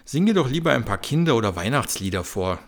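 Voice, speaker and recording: A man voicing a sharp-tongued, practical young mother, giving quick retorts in a gravelly voice. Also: medium pitch, sing-song. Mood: teasing. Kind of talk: comic audio story.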